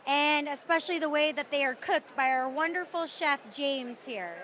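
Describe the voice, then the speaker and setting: A woman's voice: sits high, moderate pace, fairly bright tone, a little hiss or hum. A woman exhibitor proudly promoting food at a trade show booth.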